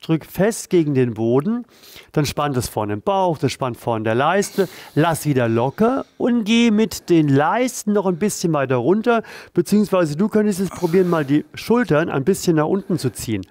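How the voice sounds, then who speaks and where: Male exercise coach, fairly high voice, dry sound, direct and encouraging. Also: animated, normal speed, darkish tone, no room sound. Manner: direct, encouraging, addresses viewer informally. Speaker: pain therapist leading exercises. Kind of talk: instructional exercise demonstration.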